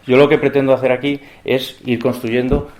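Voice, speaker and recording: A man's voice: medium pitch, level tone, normal speed, darkish tone, reverberant. A man giving an academic conference lecture, talking in a discursive way and often asking the audience rhetorical questions.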